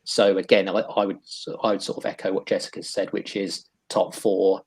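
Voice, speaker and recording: A man's voice: sits low, level tone, normal speed, breathy edge. A man giving his football predictions in a casual chat, hesitant and full of restarts. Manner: hesitant, lots of restarts and hedging. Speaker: football pundit.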